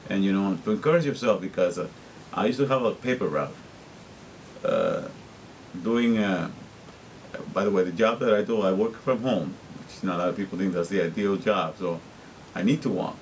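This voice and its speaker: Rough recording, a bit of hiss or hum, and a low-pitched male voice: the speaker is a middle-aged vlogger from Guatemala whose native tongue is Spanish. Earnest and repetitive, he rambles through a personal monologue, often beginning his sentences again.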